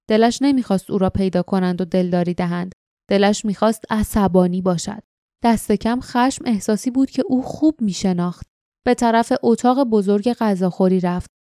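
A woman narrating an audiobook with steady, measured storytelling. Her voice is mellow and smooth. It sounds close and dry, with no room around it. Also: mid-range voice, no echo. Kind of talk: scripted narration.

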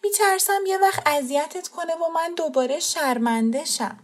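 A woman's voice: very high voice, pitched above the performer's own voice. A woman reading an audiobook, voicing a worried mother who speaks anxiously and hesitantly about her child. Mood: fretful. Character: worried young mother, protective and fretful.

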